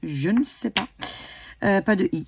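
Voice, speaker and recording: A woman's voice: medium pitch, lively intonation, measured pace, background noise. A woman from France chatting casually as she scratches lottery tickets, spelling out letters one by one with many hesitations. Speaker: scratch-card YouTuber. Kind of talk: casual commentary while playing scratch cards.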